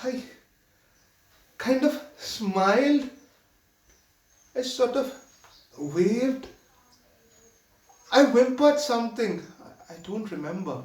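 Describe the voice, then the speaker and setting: Guy acting as a jittery young usher, first night on the job, stammers a lot, slow and roomy, sounds far off. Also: very high voice. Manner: nervous, stammering, confessional storytelling. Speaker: actor performing a monologue. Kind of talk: theatrical monologue.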